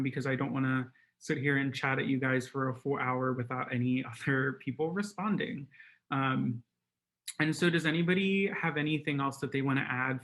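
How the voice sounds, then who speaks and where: A man speaking to an online audience in a loose, conversational way, often pausing on filler words. His voice sits at a middle pitch. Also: a bit bright. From Guatemala, raised in Maryland. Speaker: presenter. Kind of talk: online presentation.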